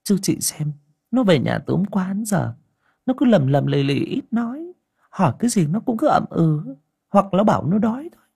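Man doing a hushed, anxious village woman. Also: sits high, very animated, creaky, slightly rough, no room sound, studio quality, pitched above the performer's own voice, exaggerated voice. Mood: confiding. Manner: hushed, rushing whisper, anxious. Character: worried younger village woman, hushed and confiding.

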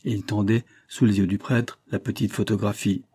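A man narrating a literary story in a measured, expressive reading. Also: on the low side, husky, dry recording, studio quality. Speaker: audiobook narrator.

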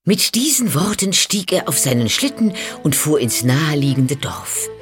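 A woman reads a fairy tale aloud in a low voice with a lively, rising and falling pitch. She takes her time, and soft music plays faintly behind her. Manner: slow, dramatic storytelling, addressing the listener. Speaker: storyteller. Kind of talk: scripted fairy-tale narration.

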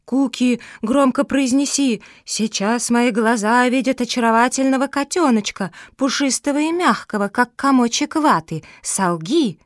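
Wheedling wicked sheepdog, woman doing it, fairly high voice, coaxing kids' story. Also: a little slow, few pauses, no room sound, clean studio sound, lightly acted. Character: sly wicked sheepdog monster tempter. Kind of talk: storybook reading.

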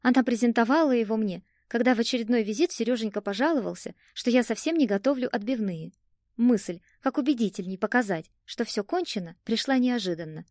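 A woman narrating a first-person audiobook in a lively, expressive storytelling manner. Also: a little high, fairly quick, no room sound, clean studio sound.

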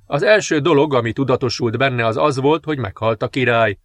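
A male audiobook narrator tells a dark fantasy story in a measured, dramatic way. His voice sits in a middle pitch. The recording is close-miked and completely dry. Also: dry recording.

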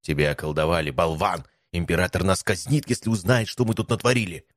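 A man voicing a stern, gray-haired male guard commander who speaks gruffly and suspiciously. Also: deep voice, steady tone, fairly quick, no room sound, lightly acted. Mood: furious.

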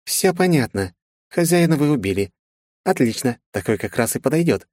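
A man's voice: mid-range voice, very animated, moderate pace, a little mellow, no room sound, clean studio sound, voice pushed up. A man voicing a stern, irritable female mentor who speaks in a raised, instructive tone.

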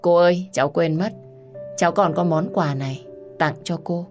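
A woman's voice: lowish voice, normal speed, soft background music, natural voice. A woman narrator voicing a sly teenage boy who politely hands over a gift in an audio story.

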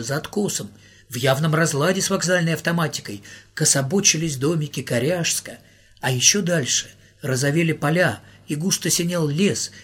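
Husky male audiobook reader. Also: on the high side. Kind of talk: expressive audiobook narration.

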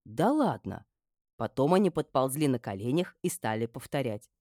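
Female audiobook narrator, low voice, lively delivery, dry studio sound. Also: a little fast, dry recording. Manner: lively, expressive. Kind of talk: first-person novel narration.

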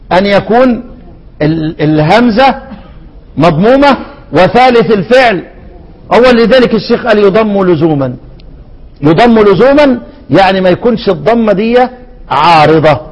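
High-voiced Egyptian sheikh teaching in a reverberant hall. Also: male voice, expressive, moderate pace. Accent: Egyptian Arabic. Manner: asks the class questions and answers them himself, with frequent restarts; chants quoted verse words at a raised pitch. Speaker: Quran recitation teacher. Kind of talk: explanatory lesson on recitation rules. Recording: long reverb.

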